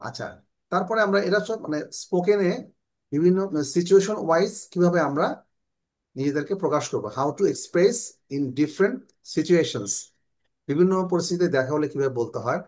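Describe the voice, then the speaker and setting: Bangladeshi man teaching English, fairly high voice, speaks phrases slowly and carefully for students to repeat. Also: lively intonation, darkish tone. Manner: explains in Bengali, slowly models English phrases. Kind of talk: online English class.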